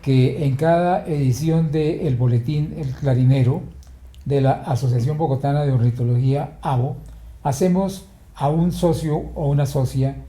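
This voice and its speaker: A man interviewing a guest formally, speaking slowly and often pausing to search for words. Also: medium pitch, dark tone, roomy sound. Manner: slow, measured, searching for words.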